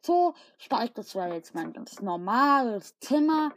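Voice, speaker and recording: A woman's voice: fairly high pitch, sing-song, slow pace, no room sound, exaggerated voice, low-quality recording. A woman voicing a cheeky, slobbering blob creature boy in a homemade audio story, chatty and swearing. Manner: casual, swears a lot.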